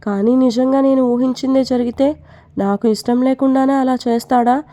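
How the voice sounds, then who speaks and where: A woman's voice: sits high, fairly even intonation, normal speed, mellow, natural voice. A woman voicing an anxious young bride. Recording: dull lo-fi recording.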